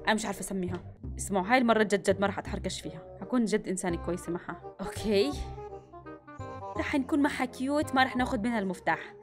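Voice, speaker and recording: A young woman giving excitable let's-play commentary, with bursts of screaming and quick whispers. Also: medium pitch, music in the background. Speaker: gaming YouTuber.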